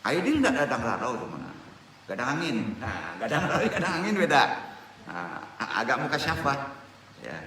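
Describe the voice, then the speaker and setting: A man's voice: medium pitch, brisk, a little hiss or hum. An older man giving an informal religious study lecture, joking and quizzing his listeners. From West Sumatra, Indonesia. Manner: animated, joking, quizzes the audience. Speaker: religious teacher. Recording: echoey hall recorded from a distance.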